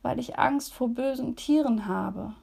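Brief: woman reading a frightened little mouse, tearful and pleading, gravelly low-lit storybook voice. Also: a little slow, mellow, heavily acted. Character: small frightened female mouse.

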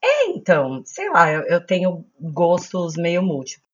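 Casting: woman, Brazilian Portuguese accent, deep register, informal podcast storyteller, slightly muffled sound. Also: wildly swooping pitch, measured pace, husky. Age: 30s. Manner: chatty, informal, self-mocking.

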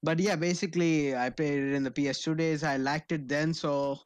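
A man's voice: fairly high pitch, steady tone, fairly quick, smooth, no echo. A man co-hosting a podcast in casual, slangy chat with joking and swearing. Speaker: podcast co-host.

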